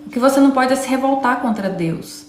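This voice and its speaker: A woman's voice: sits high, expressive, fast talker, echoey room, a little hiss or hum. A woman giving an earnest, conversational devotional talk and speaking directly to her listeners. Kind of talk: devotional teaching.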